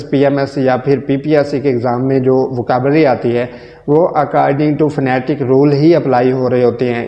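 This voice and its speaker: Man, teacher, lecturing, self-answered questions, mellow tone, echoey room. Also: mid-range voice, dull audio. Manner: explains slowly, asks and answers own questions, mixes Hindi-Urdu with English terms.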